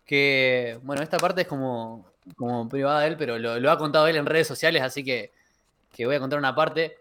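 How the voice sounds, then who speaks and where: A man with a Rioplatense Spanish accent co-hosting a podcast, telling stories in a lively way and acting out the dialogue, recorded over a video call. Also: mid-range voice, fairly quick, a little hiss or hum. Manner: lively storyteller who acts out dialogue. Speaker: podcast co-host. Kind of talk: casual chat, storytelling.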